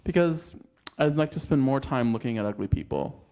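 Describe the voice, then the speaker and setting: A man's voice: mid-range voice, animated, normal speed, warm tone, clear, resonant tone. A man co-hosting a podcast, ranting casually with a sassy, profane edge. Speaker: podcast co-host. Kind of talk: casual chat.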